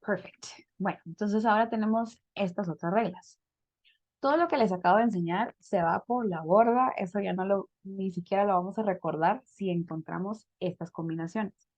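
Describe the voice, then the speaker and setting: A woman's voice: mid-range voice, normal speed, darkish tone, dry recording, highs cut off. A woman teaching a pronunciation class over a video call, explaining step by step and checking in with her students. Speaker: English teacher.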